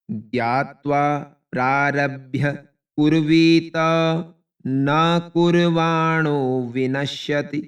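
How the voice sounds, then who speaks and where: A man teaching how to recite Sanskrit verses, explaining each step slowly and plainly. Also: medium pitch, a little mellow, recorded from a distance. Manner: slow rhythmic chanting, then plain explanation.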